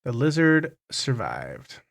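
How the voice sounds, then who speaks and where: A man narrating as game master, unhurried and often stumbling over his words. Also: medium pitch, wildly swooping pitch, vocal fry, fairly bright tone.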